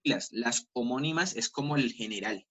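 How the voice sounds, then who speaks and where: A man with a Colombian Spanish accent teaches an online class over a video call. His voice is bright and forward, and he explains patiently. He slows down to spell out each example. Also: medium pitch, expressive, rough recording.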